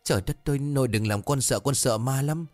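A man's voice: medium pitch, brisk, a little mellow, no room sound, faint music behind, pitched above the performer's own voice, natural voice. A man voicing a timid, curious young village boy who asks frightened, pleading questions. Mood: anxious.

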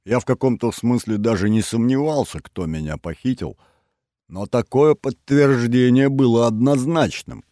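A man's voice: medium pitch, moderate pace, dark tone, no echo, studio quality. A man narrating a first-person audiobook in a wry, ironic storytelling manner.

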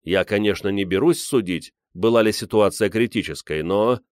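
A man's voice: fairly low pitch, normal speed, clean tone, no room sound, clean studio sound, lightly acted. A man playing an earnest, fussy male scientist with a prim, pedantic manner.

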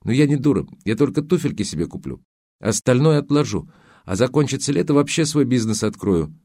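A man reading an audiobook, voicing a spoiled, defiant young woman in a raised girlish pitch. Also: sing-song, brisk, mellow, dry recording. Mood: petulant, defiant. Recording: dry close studio sound.

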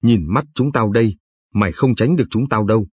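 A vengeful young avenger, voiced by a male narrator, issuing a grim, cold warning. The voice stays low and husky, read for an audiobook. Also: brisk, a little mellow, no room sound.

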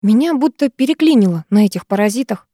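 Warm, dry-voiced woman narrating an audiobook. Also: on the high side, lively intonation, quick pace, no echo. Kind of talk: scripted first-person narration.

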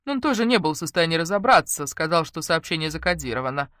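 A woman narrating a first-person novel in a wry, lively storytelling manner. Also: deep voice, quick pace, dry recording, clean studio sound. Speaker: audiobook narrator.

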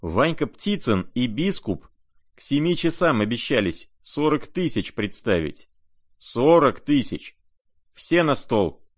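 A man's voice: mid-range voice, very animated, takes it slowly, voice pushed up. A man voicing a drunk, reckless young merchant who bellows and boasts as he raises his bid. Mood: shouting.

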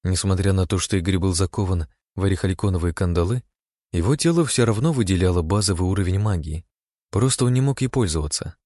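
Low-voiced man narrating a story. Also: animated, quick pace, dark tone, no room sound, clean studio sound. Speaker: audiobook narrator. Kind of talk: first-person story narration.

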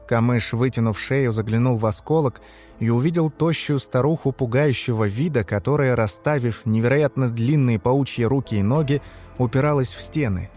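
A man reading a story aloud in measured, scripted narration. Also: mid-range voice, darkish tone, soft background music. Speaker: audiobook narrator.

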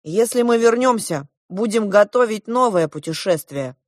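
A woman's voice: medium pitch, expressive, normal speed, no echo, clean studio sound, close to an everyday voice. A woman voicing an earnest young boy prince in a storybook reading. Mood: glum.

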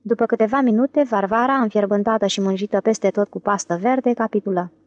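A woman reads a literary audiobook in an even, measured way. Her voice sits at an ordinary pitch, and the recording is dry and close with no room sound. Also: no room sound, muffled recording. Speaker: audiobook narrator. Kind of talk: scripted literary narration.

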